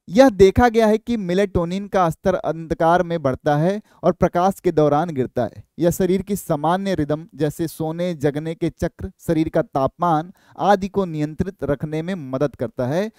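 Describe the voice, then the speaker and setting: Young male biology tutor, high pitch, dry studio mic, fires off rhetorical questions. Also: mellow, clean tone, no echo. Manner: explains with rhetorical questions and quick self-answers. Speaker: biology teacher. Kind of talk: exam-prep lecture.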